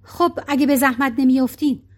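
A woman's voice: sits high, steady tone, lightly acted. A woman reading a storybook voicing a drowsy old man who answers hesitantly and noncommittally.

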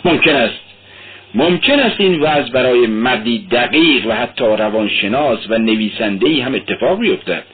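A man's voice: medium pitch, expressive, husky. A man voicing a sly, talkative police investigator who lectures and then fusses anxiously. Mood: lecturing. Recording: tinny lo-fi radio recording.

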